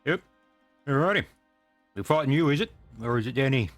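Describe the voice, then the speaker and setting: Wry man with lively, varied pitch. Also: fairly quick, faint music behind. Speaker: tabletop game player. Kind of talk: casual in-game banter.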